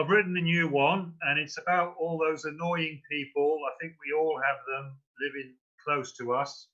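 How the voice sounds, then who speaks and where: A man's voice: medium pitch, bright, forceful tone, lo-fi sound. A man from Slough, a poet chatting wryly and then reciting a rhymed poem at an open mic, heard over a video call. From Slough, England. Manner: wry, self-deprecating, punchy rhyming delivery. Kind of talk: casual chat and rhymed poetry recitation.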